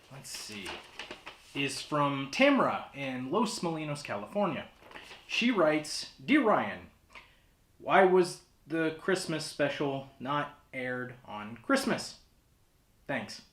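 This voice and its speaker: A man's voice: mid-range voice, a bit bright, slight background noise. A man presenting as a casual horror host, with a hesitant, rambling, awkwardly comic delivery. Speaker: horror host of a holiday movie show. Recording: roomy, echoey sound.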